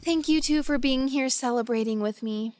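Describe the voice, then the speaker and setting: A woman speaking slowly and carefully in a scripted beginner English dialogue. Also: high-pitched, a little mellow.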